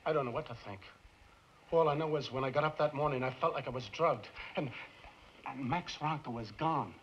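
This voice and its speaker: A man's voice: medium pitch, a little fast, slight background noise, natural voice. A man playing a frightened, guilt-ridden scientist who stammers and pleads, in 1950s film noir acting. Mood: anxious, pleading. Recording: muffled 1950s film soundtrack.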